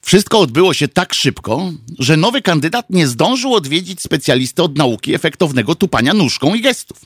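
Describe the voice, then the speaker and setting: A man's voice: fairly high pitch, fairly quick, slightly rough, no echo, clean studio sound. Sardonic man telling a satirical story. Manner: sardonic, mocking, lively. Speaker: satirical radio columnist.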